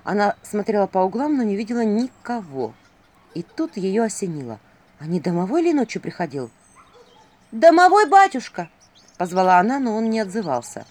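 A woman narrating a fairy-tale audiobook in an expressive, animated storytelling manner. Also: medium pitch, brisk.

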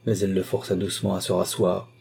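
A man narrating a classic novel in a measured, even reading. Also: sits low, creaky, husky. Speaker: audiobook narrator. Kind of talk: scripted narration.

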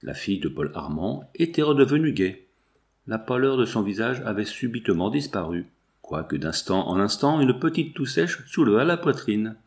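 A man's voice: fairly low pitch, sing-song, moderate pace. A man narrating a classic novel as an audiobook, reading expressively. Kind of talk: scripted narration.

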